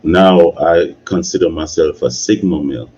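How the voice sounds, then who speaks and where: This host's voice is very deep, darkish and breathy, at a moderate pace, as he chats casually in a live discussion, giving advice, repeating himself for emphasis and checking in with "you know." The recording lacks high frequencies.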